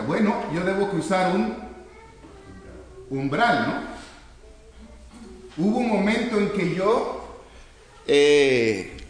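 A man teaching a sermon in a fairly high, animated voice whose pitch rises and falls freely. He asks the listeners questions and answers them himself, often breaking off and restarting. The sound is roomy, with a long hall reverb behind him. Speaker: preacher teaching a church class.

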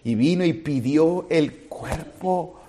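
A man with a high voice delivers a Spanish sermon as a pastor. He talks straight to his congregation, swings between loud fervent passages and low quiet ones, and acts out little scenes along the way. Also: slow pace, background noise. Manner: animated preaching, acts out little scenes, addresses congregation directly.

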